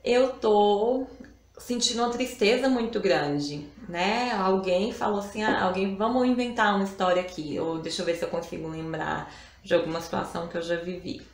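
A woman's voice: mid-range voice, normal speed. Woman talking reflectively, roomy echo. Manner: reflective, conversational, often adds tag questions. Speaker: live stream host. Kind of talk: casual talk on emotions.

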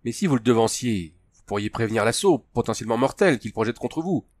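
A man reading the lines of a solemn male peasant elder in an audiobook, speaking in a level, measured tone. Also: mid-range voice, no echo, close to an everyday voice. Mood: advising. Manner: even, measured.

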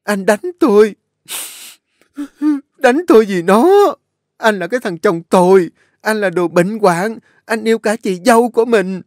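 A man voicing a hysterical, scheming young wife in a shrill, shrieking voice. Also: sing-song, normal speed, a bit bright, no echo, clean studio sound, full character voice.

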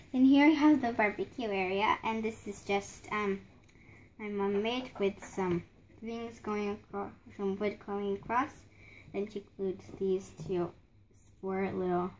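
At home, a young girl with a medium-pitched voice casually narrates a tour of the doll house her mom handmade, restarting and filling pauses as she rambles. The phone is held close with her hands in frame, and the audio is poor, with some hiss or hum.

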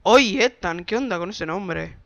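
A man giving casual, rambling game commentary from his bedroom, excitable and quick to swear. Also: high-pitched, gravelly, no echo. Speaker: gameplay commentator. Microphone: desk microphone.

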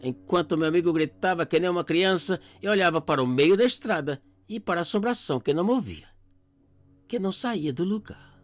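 A man's voice: high voice, lively intonation, brisk. A man narrating a first-person horror story in a dramatic, suspenseful way. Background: faint eerie background music.

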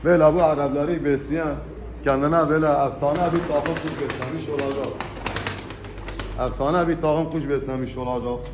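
A man giving an unscripted auctioneer's sales pitch, presenting lots in an emphatic way and repeating his phrases. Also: fairly even intonation, normal speed. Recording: echoey room with background noise. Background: birds, pigeons.

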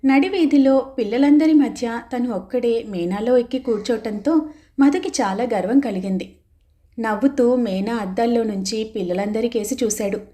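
Brief: woman narrator, soft warm tone, steady pace, reading a novel. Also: a little high, moderate pace. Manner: steady storytelling, voicing characters' lines. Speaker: audiobook narrator.

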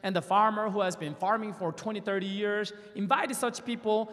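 A man's voice: high voice, steady tone, brisk, fairly bright tone. A man preaching a sermon in short phrases through an interpreter, calling on the congregation to answer and repeat after him, on a church stage with a handheld mic. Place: large church stage, indoors. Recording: reverberant hall.

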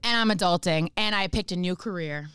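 A woman in her thirties hosting a podcast, chatting in an animated, quick-tongued way on a close mic. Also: on the low side, heavy background noise. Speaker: podcast host. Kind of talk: casual banter.

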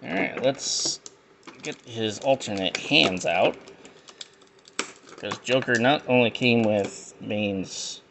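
A man's voice: mid-range voice, takes it slowly, creaky, pauses often, background noise. A man giving rambling, jokey commentary as he unboxes and reviews action figures. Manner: rambling, jokey, with frequent fillers. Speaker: toy reviewer.

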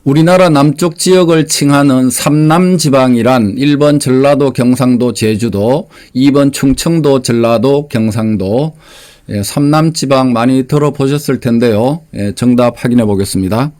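A man's voice: mid-range voice, unhurried. A man hosting a quiz channel, reading out questions and giving short explanations in a plain, unpolished voice with many filler sounds. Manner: steady step-by-step explaining. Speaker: quiz host.

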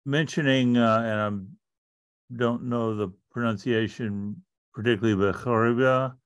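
A man on a video call asking a question as an audience member, in a halting, measured way. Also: medium pitch, fairly even intonation, clean tone, dry recording.

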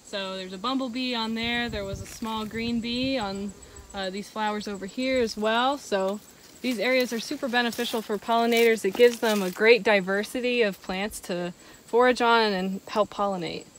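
A woman in her thirties, a wildlife biologist, explaining forest habitat outdoors in a steady, explanatory way, with a clip-on mic. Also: on the high side, normal speed, a little hiss or hum, low-quality recording. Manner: steady, explanatory, walking and pointing at plants. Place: forest clearing and woodland, outdoors.

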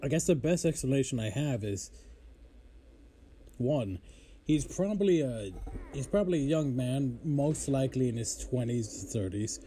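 A man's voice: medium pitch, animated, normal speed, mellow, a little hiss or hum. A man hosting a casual Bible teaching show, informal and easily amused, often breaking off to apologize and laugh at himself.

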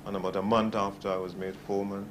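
A man's voice: low voice, flat delivery, quick pace, background noise. A middle-aged man, a bakery foreman telling a long story in an interview, with many "you know"s and "um"s. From West Indies. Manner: rambling, repeats "you know" and "um", acts out quoted voices.

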